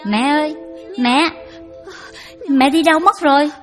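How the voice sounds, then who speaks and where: A woman as a gentle, pleading young widow. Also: sits high, unhurried, faint music behind. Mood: anxious. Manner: soft, pleading, humble. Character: gentle, devoted young widowed daughter-in-law.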